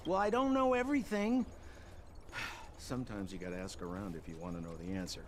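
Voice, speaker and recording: A man voicing a sly smooth-talking trickster. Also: on the low side, animated, brisk, a little hiss or hum, natural voice. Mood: glib. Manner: playful and glib. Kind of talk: game voice acting. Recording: game audio with music.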